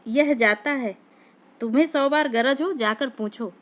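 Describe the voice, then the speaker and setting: A sharp-tongued young village wife, as a woman reader puts her on, full of sarcastic taunts. Her voice sits a little high. This is a storybook reading. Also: unhurried. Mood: taunting.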